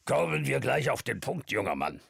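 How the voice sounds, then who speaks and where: A man voicing a very old, portly man who is bursting with energy and talks in a jovial, booming way. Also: big pitch swings, normal speed, creaky, breathy edge, no echo, studio quality, heavily acted. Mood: teasing. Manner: booming, jovial, shouting over noise.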